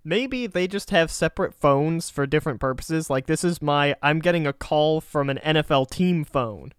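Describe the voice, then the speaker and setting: A man's voice: a little high, animated, moderate pace, clear, resonant tone, no echo, studio quality. A man co-hosting a casual sports chat in a wry, matter-of-fact way. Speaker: podcast co-host.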